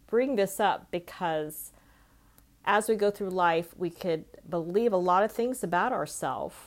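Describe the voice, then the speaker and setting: A woman in her fifties from California, talking earnestly and conversationally as she reflects aloud in a personal vlog. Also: low voice. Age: 50s. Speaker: self-help vlogger.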